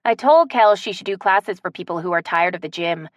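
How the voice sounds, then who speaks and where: A woman's voice: fairly low pitch, animated, brisk, no echo, muffled recording, natural voice. A woman voicing a stubborn, strong-willed woman who teases and refuses to back down. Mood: defiant. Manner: teasing, defiant.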